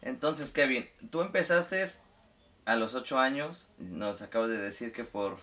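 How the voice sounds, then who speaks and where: A man's voice: medium pitch, animated, measured pace, pushed and bright. Upbeat man hosting. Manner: friendly, upbeat greeting. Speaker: host. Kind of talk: casual interview hosting.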